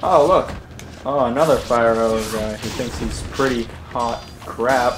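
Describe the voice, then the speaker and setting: A man's voice: mid-range voice, a little slow, noisy background. A man giving casual gameplay commentary, rambling and joking and correcting himself as he goes. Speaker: let's play host. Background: game music and sounds.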